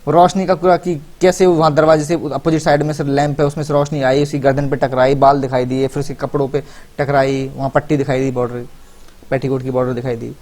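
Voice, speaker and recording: A man teaching a story, reading English lines slowly and then explaining them in Hindi with many fillers. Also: medium pitch, flat delivery, darkish tone. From India. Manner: repeats and rephrases with many fillers.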